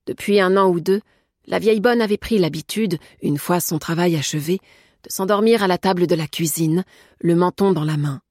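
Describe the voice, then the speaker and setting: Husky, low-voiced woman narrating a novel. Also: dry recording, studio quality. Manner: measured, even storytelling. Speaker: audiobook narrator. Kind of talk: scripted narration.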